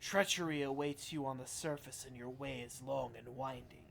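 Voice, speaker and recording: An ancient stone face put on by a game streamer speaks in solemn, cryptic pronouncements. It comes from a fantasy game, measured and grave, with clear background noise. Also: mid-range voice, steady tone, a bit bright, voice pushed down. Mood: grave warning.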